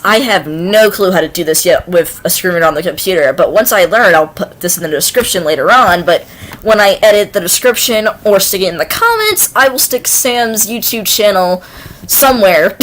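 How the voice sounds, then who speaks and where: A woman in her twenties from North Carolina, hosting a casual livestream interview, chatty and quick to laugh. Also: mid-range voice, expressive, fairly bright tone. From Winston, North Carolina. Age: 20s.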